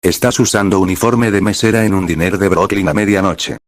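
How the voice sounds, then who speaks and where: A man voicing a blunt, sharp-tongued young waitress in an audiobook. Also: low voice, no echo, clean studio sound, lightly acted. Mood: brusque. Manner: blunt and quick.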